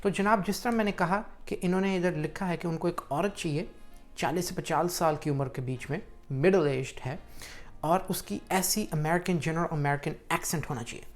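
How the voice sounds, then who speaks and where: A man's voice: on the high side, normal speed, faint music behind. A man hosting a casual screen-walkthrough tutorial, chatty and encouraging as he talks straight to the viewer. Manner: chatty and pep-talking, addresses viewer as brother. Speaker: YouTube tutorial host.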